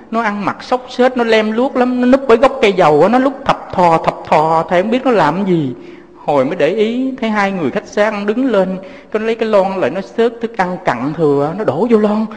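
A man's voice: high voice, a little mellow, in a large hall. A Southern Vietnamese man, a Buddhist monk, giving a fatherly sermon full of personal stories and speaking to his listeners as his children.

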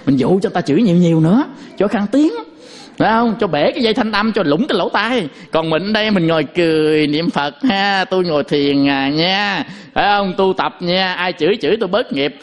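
A man's voice: high-pitched, a little fast. A man giving a folksy Buddhist Dharma talk to lay listeners, tagging each point with a rhetorical question and a joke. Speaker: Buddhist preacher.

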